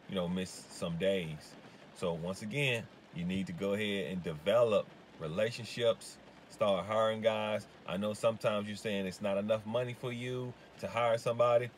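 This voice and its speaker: A very deep-voiced man talks casually to his viewers about running a lawn care business. His talk is halting, with lots of "um"s and restarts. Faint noise hums behind him. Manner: halting, full of fillers and restarts. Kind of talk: casual advice vlog.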